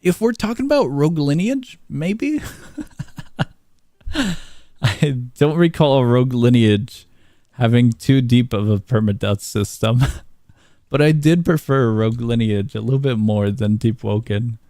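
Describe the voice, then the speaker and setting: A man's voice: medium pitch, animated, a little slow, warm tone, dry recording, studio quality. A man streaming a game, chatting casually, reading game dialogue aloud and chuckling often. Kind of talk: casual gameplay commentary.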